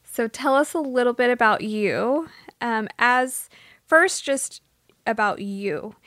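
A woman's voice: a little high, lively intonation, takes it slowly, dry recording, studio quality. A woman hosting a talk show, introducing her friend in a heartfelt, rambling way. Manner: warm-hearted, emotional, rambling. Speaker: host. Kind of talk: casual chat.

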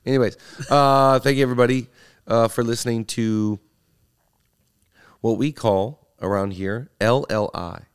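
A tired man with a raspy, froggy morning voice, chatting casually and playfully as a podcast host. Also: mid-range voice, measured pace. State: tired, under-slept. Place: in a house.

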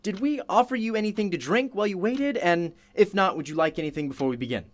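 A man with a high voice plays a chatty, courteous radio host in a radio play, questioning a witness. He talks fast with lively intonation, sounding effusive, apologetic and upbeat.

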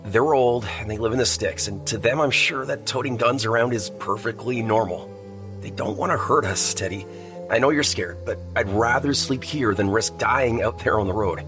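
Actor as a calm young buddy, reassuring and practical, music bed underneath. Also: male voice, mid-range voice, moderate pace, lightly acted. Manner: reasoning, reassuring.

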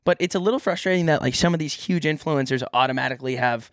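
A man's voice: on the high side, fast talker, no room sound, clean studio sound. Man who says th as f, chatting casually. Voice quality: says th sounds as f. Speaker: podcast co-host. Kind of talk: casual comedic chat.

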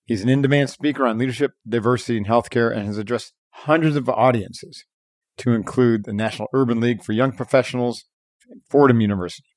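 A man's voice: medium pitch, fast talker, darkish tone, no echo, studio quality. A middle-aged man hosting an interview in an enthusiastic, chatty way, with plenty of loose fillers. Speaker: podcast host. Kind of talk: casual interview chat.

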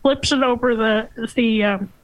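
A woman's voice: a little high, a little slow, low-quality recording. A woman telling a story in casual podcast chat, swearing freely and dramatizing it. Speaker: podcast co-host.

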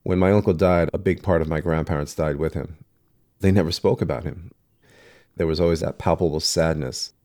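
A man's voice: low-pitched, brisk, dark tone. A man telling a personal family story in an earnest, emotional way during an interview.

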